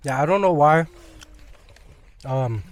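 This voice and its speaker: A man's voice: a little high, expressive, slow. A man hosting a casual food review vlog, chatting informally to viewers during a mukbang.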